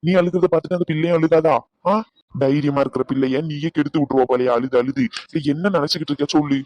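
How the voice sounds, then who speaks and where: A firm, scolding village woman rattles through her points at speed, voiced by a man. She sounds higher than a man's usual voice, and she is blunt and practical with a reassuring streak. The cartoon audio is dry and a little dull. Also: steady tone, fast, no echo, lightly acted. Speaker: voice actor. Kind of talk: cartoon voice acting.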